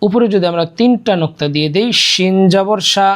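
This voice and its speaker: A teacher leading a Quran reading lesson, chanting letter and vowel drills in a steady rhythm and then briefly explaining how to say them. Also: medium pitch, a little fast. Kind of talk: slow drilled recitation lesson.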